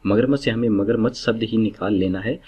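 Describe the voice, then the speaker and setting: A man's voice: on the low side, brisk, breathy edge, highs cut off. A man teaching exam memory tricks, explaining step by step and repeating key words to drill them in.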